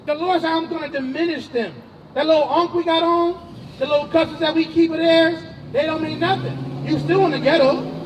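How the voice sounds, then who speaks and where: High-voiced man preaching on the street. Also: fairly even intonation, brisk, far from the mic, slight background noise, rough recording. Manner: emphatic, slangy, questioning the crowd. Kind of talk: street preaching, calling on a reader.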